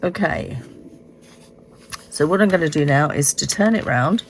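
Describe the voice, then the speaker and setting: A middle-aged woman with a hoarse, croaky frog voice, recovering from illness, explaining a craft step by step in a casual, unhurried way. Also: sits low, expressive, a little hiss or hum. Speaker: host of a card-making tutorial. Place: indoors at a craft desk.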